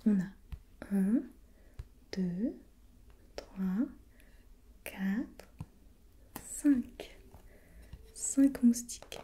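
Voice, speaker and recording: A woman playing a gentle, patient preschool teacher in a soft, breathy whispered role-play, encouraging and repeating softly. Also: medium pitch, expressive, extremely slow, long pauses, slight background noise.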